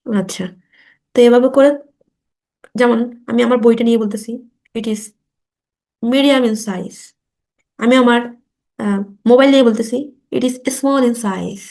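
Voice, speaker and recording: A woman teaching a spoken English lesson, stretching out model sentences slowly and often asking quick check questions. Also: a little high, fairly even intonation, darkish tone. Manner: slow, drawn-out model sentences for repetition; asks rhetorical check questions.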